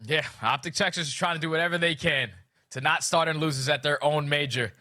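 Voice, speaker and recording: A man's voice: on the high side, fairly even intonation, brisk, pushed and bright. A man giving punchy, informal esports match analysis as a caster. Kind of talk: broadcast match commentary.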